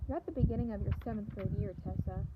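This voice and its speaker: A woman voicing a gentle, easygoing mother who speaks softly and soothingly, read aloud from a storybook. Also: medium pitch, quick pace, narrow, tinny audio, very noisy, lightly acted. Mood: reassuring.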